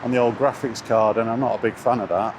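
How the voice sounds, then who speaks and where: Outdoors near traffic, a gaming YouTuber holds a camera and chats fast in a medium-pitched voice with fairly even intonation. The casual, rambling vlog is hesitant and laid-back, and the recording is noisy with urban and vehicle sounds.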